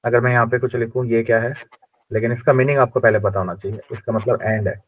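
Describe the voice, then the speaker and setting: A man gives a classroom lesson, drilling sounds slowly and saying each word again and again. His voice is dry and close, and the recording is dull and lo-fi. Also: medium pitch, level tone, no echo. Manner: slow repetitive drilling of pronunciation. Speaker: German language teacher.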